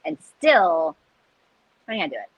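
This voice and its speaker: A woman chatting casually as a guest, animated and self-deprecating, repeating words for emphasis. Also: lowish voice, slow pace, vocal fry, husky, no room sound, dull audio. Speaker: guest, recreational jump roper. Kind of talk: casual chat about learning skills.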